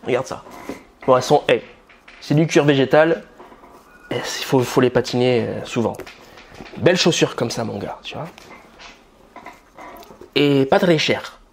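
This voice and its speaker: A man's voice: medium pitch, normal speed, creaky, long pauses, slight background noise. A man from France giving casual, blunt style and dating advice straight to the camera, swearing freely and calling the viewer buddy.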